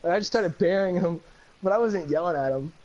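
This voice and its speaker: A man's voice: high voice, brisk, darkish tone. Ranting, foul-mouthed man, muffled mic. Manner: profane, rambling and heated. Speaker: guest. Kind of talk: casual chat.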